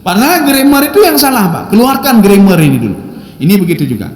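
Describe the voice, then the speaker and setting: Male preacher, high and lively voice, sermon in an echoey hall with long reverb. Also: fast talker. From Indonesia. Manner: lively lecturing, keeps adding "Pak"; recites Arabic Quran verses. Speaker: Islamic preacher. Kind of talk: sermon to a congregation.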